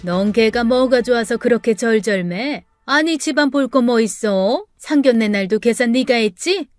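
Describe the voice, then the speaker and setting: A scheming middle-aged mother-in-law, scornful and scolding, as a woman narrator puts her on. The voice sits a little high. Soft music plays underneath the storybook reading. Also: expressive, moderate pace, no echo, studio quality, lightly acted. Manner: sneering, scolding. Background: soft background music.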